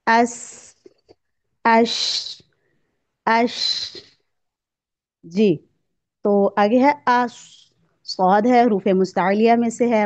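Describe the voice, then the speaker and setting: A woman teaching Quranic letter pronunciation, slowly sounding out each letter for students to repeat and explaining where it comes from. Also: medium pitch, dark tone, muffled recording. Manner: asks a question, then answers it herself. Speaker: tajweed teacher. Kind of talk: recorded recitation lesson.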